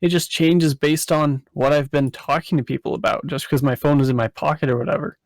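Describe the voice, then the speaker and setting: Higher-voiced man musing on a podcast. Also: fairly even intonation, brisk, no room sound. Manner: thoughtful, rambling with many fillers. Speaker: podcast co-host. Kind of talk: casual podcast chat.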